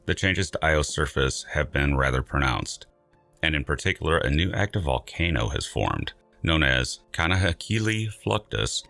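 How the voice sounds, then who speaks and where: A man reading scripted science narration in a measured, emphatic, dryly wry way. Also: extremely low pitch, animated, vocal fry, sharp tone, no echo, faint music behind.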